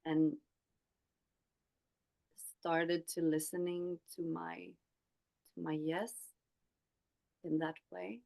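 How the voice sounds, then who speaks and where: A Swedish woman in her forties, speaking English as a guest, tells a reflective personal story in a soft, hesitant way. Her low, level voice has a gravelly edge, and she moves slowly, pausing and restarting often. The recording is rough.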